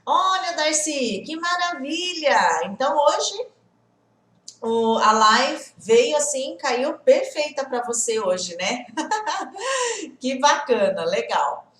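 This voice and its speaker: Lively woman teaching English in an echoey room. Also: high-pitched, takes it slowly. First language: Portuguese. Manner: lively, often checks in with "tá?" and "né?"; greets viewers by name. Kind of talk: live-stream lesson.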